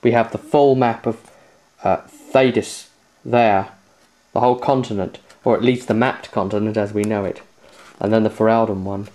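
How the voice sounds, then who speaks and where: Here the host of a tabletop game review show speaks in a fairly low, steady, darkish voice at normal speed. He unboxes a game casually for the camera, joking around with playful, theatrical touches.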